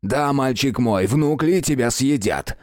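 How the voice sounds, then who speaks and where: A man voicing a blunt, gruff male fight master who scolds his pupil. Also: mid-range voice, lively intonation, a little slow, darkish tone, dry recording, studio quality, pitched above the performer's own voice, lightly acted.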